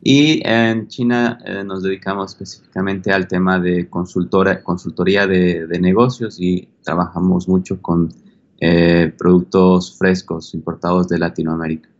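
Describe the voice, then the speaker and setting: Male consultant from Ecuador, lower voice, halting delivery, lo-fi audio. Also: level tone. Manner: hesitant, many fillers and restarts. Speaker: business consultant. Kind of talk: interview answers.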